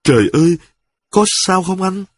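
A sharp-tongued young wife who frets and scolds, her voice pitched high and a little husky, as a male narrator puts her on. She sounds like a storybook figure, nagging but caring, recorded dry and close. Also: lively intonation, moderate pace, dry recording. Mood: worried. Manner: scolding, fretful.

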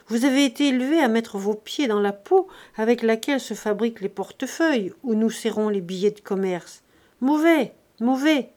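A woman's voice: fairly high pitch, lively intonation, moderate pace, a little mellow, natural voice. A woman doing an old miserly uncle. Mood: gruff. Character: old miserly man, cold, calculating uncle. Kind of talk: audiobook reading of a classic novel.

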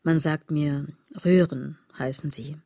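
A low-pitched, sardonic woman muses directly to the listener in a literary radio monologue, deliberate and declamatory, her phrase endings sinking almost to a whisper. Her full character voice is steady and warm, wry and reflective, recorded close and dry with no room sound.

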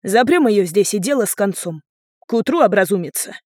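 Woman reader doing an angry shouting dad, harsh and stern, audiobook. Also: medium pitch, expressive, brisk, no room sound, studio quality, natural voice. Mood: grim. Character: furious stern father, middle-aged man.

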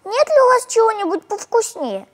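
A woman's voice: extremely high pitch, sing-song, normal speed, long reverb tail, voice pushed up. A woman voicing a tiny, timid creature girl who eats nails, with a thin, shy, sniffly little voice, in a storybook reading. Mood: shy, pleading.

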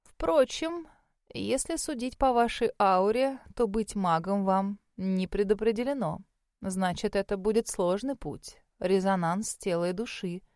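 A woman voicing an elderly male magic academy examiner, speaking slowly in a low, murmuring voice. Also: a little mellow, no echo, studio quality, lightly acted. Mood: measured, musing. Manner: slow, low, murmuring delivery.

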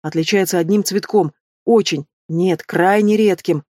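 A woman's voice: on the low side, measured pace, mellow, no echo, clean studio sound. A woman voicing a nervous young male student who speaks hesitantly and anxiously.

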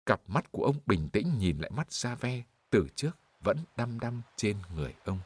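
A man narrating a novel as an audiobook in an expressive storytelling manner. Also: on the low side, normal speed, slightly rough, no echo.

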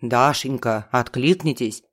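A woman doing a low, anxious man on the phone. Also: measured pace. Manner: polite, anxious, whining. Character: flustered middle-aged man on the phone.

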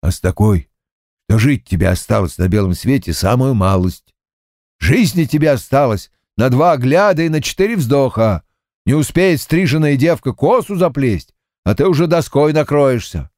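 A man's voice: medium pitch, expressive, moderate pace, a little mellow, no echo, lightly acted. A man plays a sly village man who teases an old man with mock menace, in an audiobook. The tone stays mocking and ominous. It is recorded dry and close.

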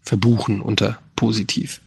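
A man's voice: lowish voice, level tone, moderate pace, vocal fry, slightly rough, dry recording, clean studio sound. A man in his thirties chatting casually as a streamer, slightly nasal, rambling with many fillers. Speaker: streamer answering questions. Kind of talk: casual chat.

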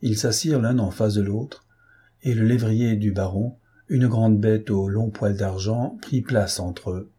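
A man reading a novel aloud in steady, measured narration. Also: lowish voice, slightly rough. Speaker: audiobook narrator. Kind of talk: scripted narration.

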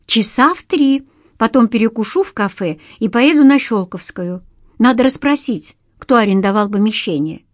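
A woman plays a brisk young woman in the audiobook, calling out quick, raised lines. The voice sits a little higher and louder than the narration, dry and close. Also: expressive, no echo, close to an everyday voice. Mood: matter-of-fact. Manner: calling out, hurried.

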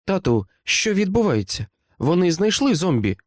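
A man's voice: high voice, big pitch swings, normal speed, no echo, clean studio sound, voice pushed up. A man reading aloud, voicing an anxious young woman with raised, pleading lines.

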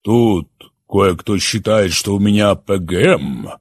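Man reading a calm older father. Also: on the low side, no room sound, full character voice. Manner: very calm, unhurried.

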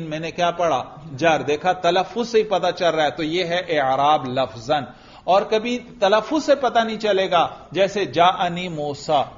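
A man teaching grammar in a classroom lecture. He keeps asking his students questions, answers them himself, and slowly chants example phrases. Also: fairly high pitch. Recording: dull lo-fi recording.

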